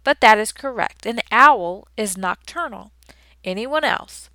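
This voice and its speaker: A woman reading the part of a stern, soft-spoken older female teacher, with a measured, no-nonsense manner. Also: on the high side, lively intonation, no room sound, full character voice. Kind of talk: audiobook character reading.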